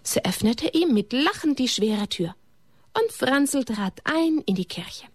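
Woman storyteller, gentle, fairly high voice, talks to kids, dry close sound. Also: expressive, takes it slowly, no room sound. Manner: gentle, addresses listeners as children, sometimes whispers. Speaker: storyteller for children. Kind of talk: reading a religious children's story aloud.

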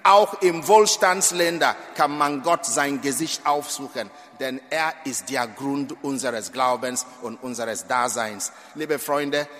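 Fairly high and somewhat bright, a Nigerian priest's voice rings through a long church reverb as he preaches at mass. He speaks with emphasis, his volume swelling and falling dramatically.

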